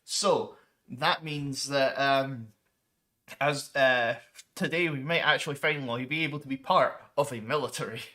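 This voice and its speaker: A man's voice: mid-range voice, a little slow, sharp tone. A man casually talking through his strategy game session, rambling with frequent ums and restarts. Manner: rambling, many ums and restarts, mild swearing substitutes. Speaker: gaming streamer. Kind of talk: casual gameplay commentary.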